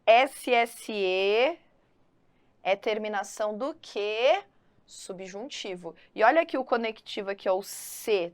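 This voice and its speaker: A woman teaching a grammar lesson, talking straight to the student with quick asides. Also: medium pitch. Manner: lively, talks to the student directly, quick asides. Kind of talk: online exam-prep grammar lesson.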